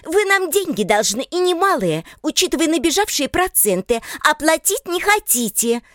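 A woman's voice: high-pitched, very animated, normal speed, fairly bright tone, no echo, clean studio sound, voice pushed up. A woman reading an audiobook voices a pushy young female debt collector from a bank, polite but relentless. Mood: indignant.

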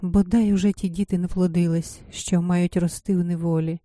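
A woman's voice: lowish voice, steady tone, normal speed, mellow, no room sound, studio quality, close to an everyday voice. A woman voicing a weary peasant mother who speaks in a pained, bitter way.

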